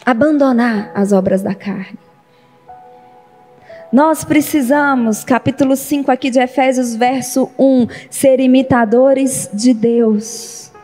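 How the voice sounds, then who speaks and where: A woman from Brazil preaches with a high, unhurried voice, stressing each point and asking the congregation questions. Her sermon rings through a reverberant church hall with faint music underneath. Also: dark tone. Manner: emphatic, asks the congregation questions. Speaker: bishop preaching.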